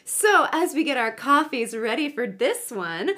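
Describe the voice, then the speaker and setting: A woman's voice: a little high, lively intonation, moderate pace, a bit bright. A woman hosting a podcast, narrating true crime in a chatty, conversational way with joking asides. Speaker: podcast host.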